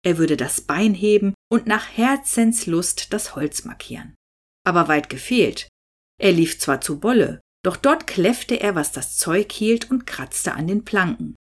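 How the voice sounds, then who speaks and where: A woman reading a story aloud as the narrator, with lively storytelling. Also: fairly low pitch, unhurried. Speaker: audiobook narrator. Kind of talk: scripted narration.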